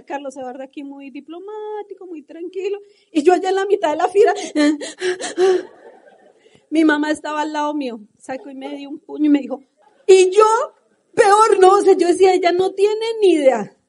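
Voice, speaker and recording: Colombian lady, pretty high voice, animated motivational talk to a crowd. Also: fast talker. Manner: passionate, animated storytelling. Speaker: speaker at a business seminar.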